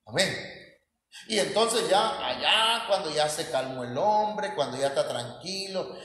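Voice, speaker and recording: With a Mexican Spanish accent, a man preaches a sermon in a folksy, joking style, posing questions to the congregation in a church hall. His voice is on the high side, animated and fairly bright, at a measured pace. Long reverb fills the echoey hall.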